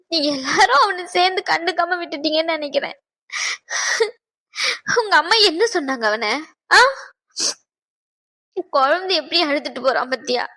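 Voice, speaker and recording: A woman's voice: extremely high pitch, pushed and bright, heavily acted. Woman voicing a tearful young mother. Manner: pleading, tearful. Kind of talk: cartoon dubbing.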